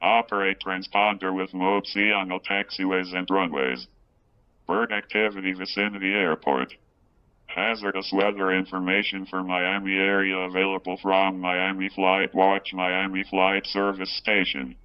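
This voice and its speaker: A man reading a recorded airport weather broadcast in steady, clipped aviation phraseology, heard as a playback. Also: deep voice, normal speed, smooth, muffled recording. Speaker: airport information broadcast reader.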